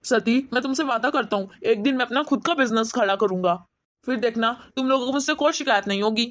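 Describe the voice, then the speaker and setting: A woman's voice: a little high, fast talker, lightly acted. A woman voicing a meek, idle young husband in a cartoon story, pleading and defending himself. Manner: pleading, defensive, soft-spoken. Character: idle grown son and husband, meek and apologetic. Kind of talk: animated cartoon voice acting.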